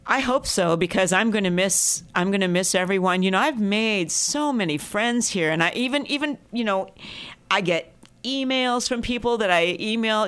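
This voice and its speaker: A woman's voice: mid-range voice, fairly bright tone, clean tone. A middle-aged woman, a classical music radio host, talking in a chatty, rambling way with many fillers during an interview in a radio studio. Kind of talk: interview conversation.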